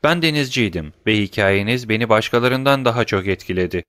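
A man voicing a grave, wealthy male count in a storybook reading, speaking in a solemn, measured way. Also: on the low side, animated, fairly bright tone, clean tone, no room sound, studio quality. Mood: intent.

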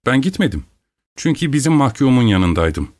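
A man reading an audiobook aloud, voicing a flighty, capricious young married woman in a higher, petulant voice with frequent exclamations. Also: very animated, moderate pace, a little mellow, close to an everyday voice. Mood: coquettish. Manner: petulant, high-strung, exclaiming.

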